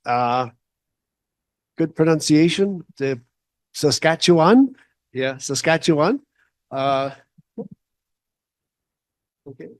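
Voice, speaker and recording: A man with a North American English accent that carries into his imperfect Spanish, a native English speaker giving a halting conference talk as guest lecturer. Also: medium pitch, dry recording, poor audio. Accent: North American English accent, also when speaking Spanish. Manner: halting, with short phrases.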